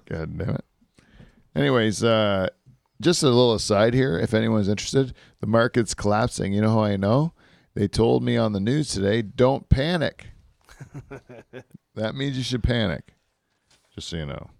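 A man's voice: fairly low pitch, normal speed, creaky, long pauses, darkish tone, no echo, studio quality. A man hosting a podcast in casual chat, rambling and laughing as he tells stories. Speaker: podcast host.

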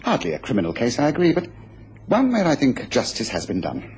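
An actor playing a shrewd, self-assured gentleman detective in a radio drama. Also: medium pitch, wildly swooping pitch, a little fast, a little hiss or hum. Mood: satisfied.

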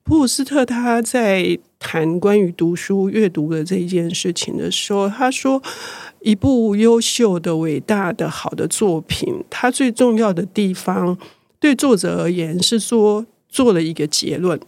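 An older woman, a publisher, speaking as a guest in a reflective interview, thoughtful and growing lively when excited. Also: mid-range voice, measured pace, no room sound.

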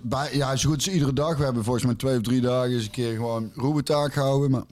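A man's voice: medium pitch, fairly even intonation, quick pace, darkish tone. Rambling, swearing storyteller man. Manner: rambling anecdotes with many fillers, swearing, laughing at his own story. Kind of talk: casual chat.

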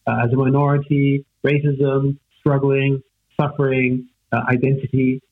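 Speaking at a moderate pace in a mid-range voice with little pitch movement, a German-speaking Austrian man in his forties reflects as a guest. He hesitates often, scattering fillers and "right?" tags throughout, and the line sounds tinny, like a phone.

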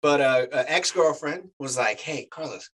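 On the high side and at normal speed, this voice belongs to a Spanish-native man in his forties from the United States. Appearing as an actor guest, he chats casually and tells animated stories full of fillers.

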